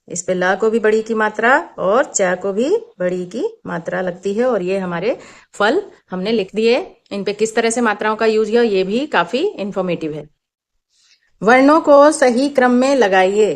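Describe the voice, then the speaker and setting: A woman hosting her own channel, explaining a children's worksheet slowly and patiently as a teacher, mixing in English words. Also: mid-range voice.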